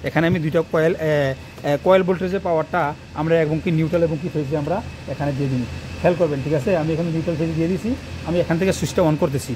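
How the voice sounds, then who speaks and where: Male electrician, fast and repetitive on a phone mic, faint noise behind. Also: a little high, fairly even intonation, a little mellow. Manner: fast, rambling, repeats himself while working. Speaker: electrician teaching wiring on his channel. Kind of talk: hands-on tutorial talk to camera. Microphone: phone camera propped nearby.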